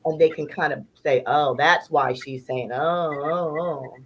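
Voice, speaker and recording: A woman's voice: low-pitched, a crowd in the background, rough recording. A woman hosting a casual interview chat in a playful, slangy way. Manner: playful, slangy, drawn-out emphasis. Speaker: podcast host.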